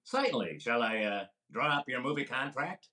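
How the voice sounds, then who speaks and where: Here a man with a mid-range voice takes on the part of a fast-talking, brash wisecracker, keeping it deadpan like a 1940s radio comedy.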